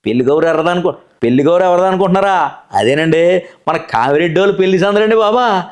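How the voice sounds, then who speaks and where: A man puts on a cheerful village man in a Godavari Telugu accent, politely inviting everyone to a wedding. The voice rides well above his usual pitch and talks with a homely, respectful charm. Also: quick pace, lightly acted. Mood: jovial. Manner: folksy, polite, respectful address.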